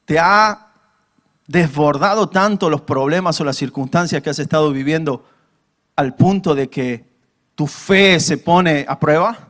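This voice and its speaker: A man's voice: a little high, unhurried, fairly bright tone. A male pastor preaching a sermon to his congregation, emphatic and full of rhetorical questions. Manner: acts out quoted pleas in a raised voice.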